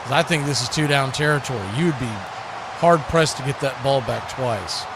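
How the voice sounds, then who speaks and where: Over a noisy live stream with background noise, an American man handles football play-by-play at a moderate pace and medium pitch. His calls come in short, clipped bursts, with words repeated as each play unfolds.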